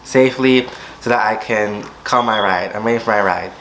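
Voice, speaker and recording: A young man telling a storytime vlog story, dramatic, acting out quotes and jumping into sudden high squeals. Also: normal speed, a bit bright, a little hiss or hum, low-quality recording. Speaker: vlogger.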